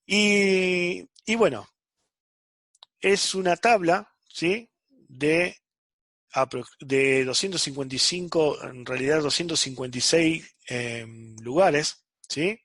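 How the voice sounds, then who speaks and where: A man gives a slow-paced online programming lesson in a fairly high, fairly bright voice, recorded with no echo. To make sure students are following, he tacks "¿sí?" or "¿está?" onto nearly every phrase.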